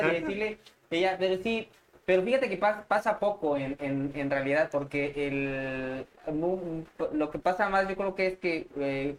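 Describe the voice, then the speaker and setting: A Mexican man in his forties, talking as a guest in casual chat, profane and lively, often slipping into quick imitations of how others talk. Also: high-pitched.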